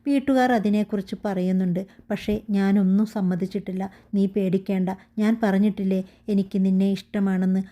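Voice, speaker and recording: A woman voicing an evasive young husband who speaks in a hushed, placating way. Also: mid-range voice, fairly even intonation, a little fast, close to an everyday voice.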